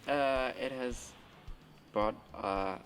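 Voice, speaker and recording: A man's voice: medium pitch, very slow, fairly bright tone, soft background music. A young man, a musician answering interview questions and searching for words. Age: 20s.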